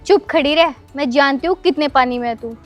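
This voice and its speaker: An actress with a Haryanvi accent playing a stubborn, fashionable aunt who is sharp and defensive. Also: female voice, sits high, fairly quick, soft background music, natural voice. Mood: scolding. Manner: sharp and defensive, then pleading. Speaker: actor in a rural family film.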